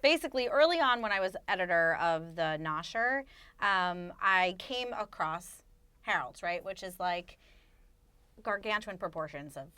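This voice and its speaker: A woman guest on a chat podcast, telling a story with a sweet, nice voice and an animated manner. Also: fairly low pitch, measured pace, clean tone, no room sound. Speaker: podcast guest, food editor.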